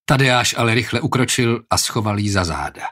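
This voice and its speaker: A man narrating an audiobook in a steady, even storytelling manner. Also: mid-range voice. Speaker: audiobook reader. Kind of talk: scripted narration.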